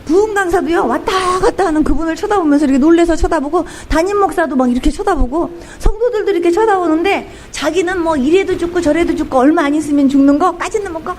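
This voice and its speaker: A woman pastor giving an animated testimony sermon, telling a story with fervor and breaking into bits of hymns. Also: very high-pitched, fast, few pauses, slight background noise. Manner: animated storytelling, sings hymn snippets, fervent.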